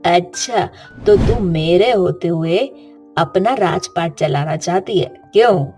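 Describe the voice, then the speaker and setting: A woman's voice: on the low side, takes it slowly, warm tone, faint music behind. A woman voicing a domineering older mother-in-law in a cartoon story, who talks in a harsh, scolding way.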